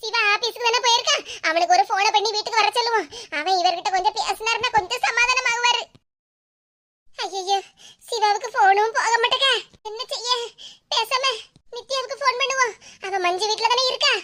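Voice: very high-pitched, fairly quick, sharp tone. A voice actor playing a worried middle-aged cartoon wife and mother in Kanyakumari Tamil, who coaxes and frets aloud. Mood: fretting. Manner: coaxing, repeats pleas, frets aloud to herself. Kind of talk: cartoon comedy voice acting.

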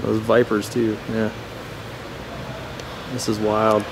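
A man's voice: on the low side, monotone, takes it slowly, gravelly. A man casually narrating a road trip from inside a car, cracking dry jokes as he goes. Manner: laid-back, joking narration while driving. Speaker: vlogger. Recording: loud road and car noise.

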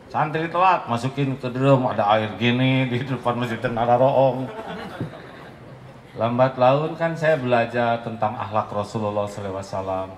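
A man preaching, answering a question in a gentle, storytelling way. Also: normal speed. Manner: gentle, storytelling, acts out mothers in a shrill voice. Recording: echoey hall with faint noise.

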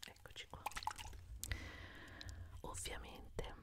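Girl playing a soothing lady beautician, whispered role-play, really slow breathy whispering right up on the mic. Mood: soothing, attentive. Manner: soothing, slow, reassuring, fond diminutives. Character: gentle, attentive female beautician pampering a client. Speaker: ASMR performer. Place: indoors at a desk, close up. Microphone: desktop condenser microphone with foam cover, very close.

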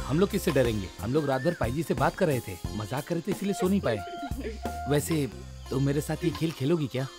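A man's voice: on the high side, expressive, a little fast, music in the background, natural voice. A man voicing a jumpy young college student. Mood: casual. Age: young adult. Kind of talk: Hindi film dub.

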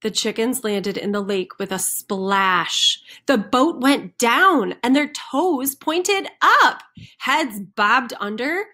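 Reading a picture book to young children, this woman, a children's center storyteller, leans expressively into the rhyming sound words. Her slightly high voice is animated, bright and forceful, and her pace is slow. The audio comes from a computer microphone during a webcam screen recording.

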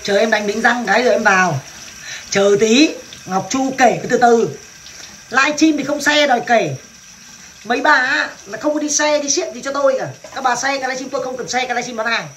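A woman's voice: a little high, brisk, slight background noise. A woman from Vietnam in her thirties, chatting brashly and crudely on a casual livestream and laughing often. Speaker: livestream seller.

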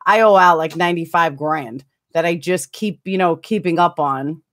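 This woman in her forties hosts a casual livestream, chatting and laughing frequently as she reads viewer comments aloud and makes fun of herself. Her voice is on the low side and moves at a moderate pace; the recording comes from a desktop webcam in a small indoor room backed by curtains.

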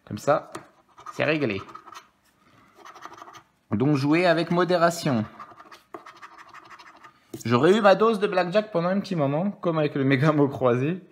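A man's voice: on the high side, expressive, unhurried, pauses often, slight background noise. A man giving casual live commentary as a scratch-card streamer, playful and jokey, counting numbers aloud and chatting with his viewers.

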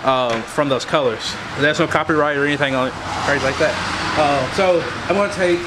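A man's voice: a little high, brisk. Guy at his workbench filming his fishing baits, lots of ums, noisy handheld camera sound. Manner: rambling, many ums and restarts. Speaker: fishing lure maker showing his baits. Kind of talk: casual how-to vlog. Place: workbench in a workshop.

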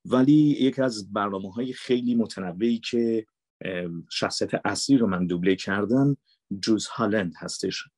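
A man's voice: fairly low pitch, darkish tone, slightly rough, no room sound. A man with a Mashhadi Persian accent, a voice actor, answering interview questions earnestly and emphatically. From Mashhad, Iran. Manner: earnest, emphatic, repeats for stress. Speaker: voice actor and dubber.

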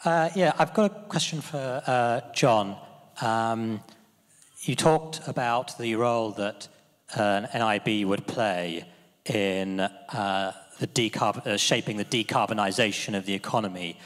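A man's voice: lowish voice, fairly bright tone. A man in the audience asking a hesitant question in a large hall. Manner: hesitant with fillers. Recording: long hall reverb.

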